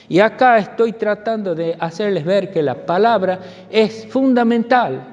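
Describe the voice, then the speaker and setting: A man's voice: high voice, darkish tone. A man preaching a sermon as pastor, telling stories and repeating key phrases for emphasis. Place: church sanctuary. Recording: dull recording with long church reverb.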